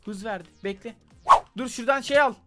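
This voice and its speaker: A man hosting a casual gameplay video, talking fast and getting exasperated, often breaking into shouts. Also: very high voice, over loud music. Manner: excitable, exasperated outbursts, frequent shouting. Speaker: gaming channel host.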